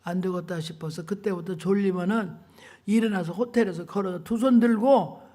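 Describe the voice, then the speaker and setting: A woman's voice: medium pitch, normal speed, warm tone. An older woman preacher giving an emotional sermon testimony in a dramatic, colloquial, emphatic way. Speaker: revival preacher.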